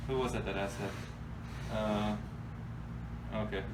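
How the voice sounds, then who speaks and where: An unhurried American man with a lowish, fairly even voice takes questions from viewers. His off-the-cuff style is informal, direct, and slangy. A distant microphone picks up obvious background noise.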